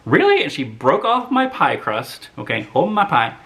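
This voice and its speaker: Man, 30s, casual vlogger, rambling and animated storyteller, mid-range voice. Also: mid-range voice, normal speed, vocal fry. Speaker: movie vlogger. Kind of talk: casual chat to camera.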